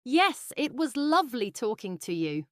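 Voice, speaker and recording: A woman with a British accent playing a friendly young office worker in a slow, carefully spoken practice dialogue. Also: a little high, sing-song, no room sound, clean studio sound.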